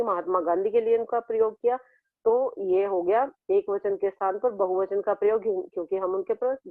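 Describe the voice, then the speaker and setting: A woman's voice: mid-range voice, no room sound. A woman teaching a school grammar lesson, patiently repeating word pairs for her pupils. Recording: tinny phone-like recording.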